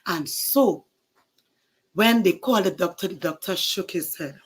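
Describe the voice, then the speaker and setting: A woman telling a moral story to children, animated and dramatic, speaking to the kids directly. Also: fairly low pitch, unhurried, slightly rough.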